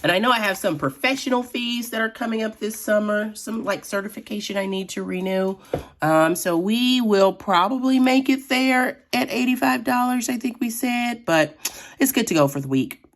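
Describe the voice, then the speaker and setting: A middle-aged woman with a raspy voice, chatting casually as she counts cash out loud. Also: a little high, moderate pace. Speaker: budgeting vlogger. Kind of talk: casual vlog narration.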